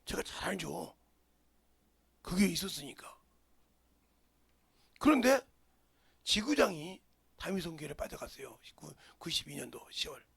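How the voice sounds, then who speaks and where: A male pastor from the region, preaching a sermon in an animated way and dropping into whispers for emphasis. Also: a little high, unhurried, gravelly, pauses often, breathy edge. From Jeolla, Korea.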